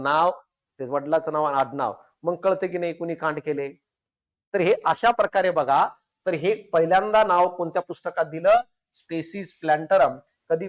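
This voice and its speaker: A male science teacher giving a casual classroom lecture. He keeps quizzing the class with questions, slowly repeats technical terms, and drops in joking everyday examples. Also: a little high. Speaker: science teacher for competitive exams.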